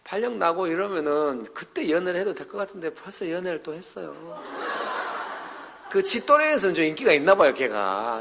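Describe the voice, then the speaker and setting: A man's voice: fairly high pitch, fairly bright tone, a little hiss or hum. A male pastor giving a sermon at a parents' seminar, telling a story conversationally and acting out the dialogue, and speaking directly to the elderly members of the congregation.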